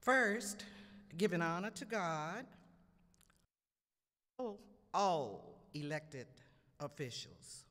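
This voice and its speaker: A woman's voice: fairly low pitch, very animated, fairly bright tone. A woman offering a solemn public prayer at a luncheon ceremony in a large hall. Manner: slow, solemn, rising and falling delivery. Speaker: invocation speaker. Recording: long reverb in a large hall.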